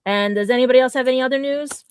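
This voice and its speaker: A woman's voice: high voice, very fast, clean tone, dry recording. A woman co-hosting a casual podcast, rambling, laughing easily and stumbling over names. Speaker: podcast co-host.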